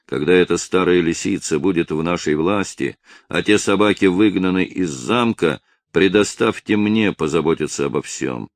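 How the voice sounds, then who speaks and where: A man voicing a cruel, scheming villain who speaks in a low conspiratorial whisper, in an audiobook. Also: moderate pace, no room sound, studio quality.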